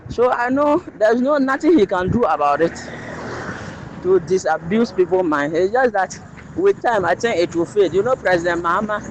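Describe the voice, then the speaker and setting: Voice message insistent high-voiced man. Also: expressive, moderate pace, lo-fi sound, a little hiss or hum. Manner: insistent, repeats and restarts phrases. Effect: phone voice message played on air. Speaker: listener sending a voice note. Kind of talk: political opinion voice note.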